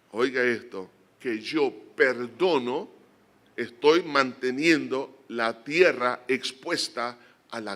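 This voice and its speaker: A male pastor preaching a sermon in a bright, forceful voice. He swings between emphatic, climbing exhortations and hushed, earnest prayer. His pitch sits in the middle for a man.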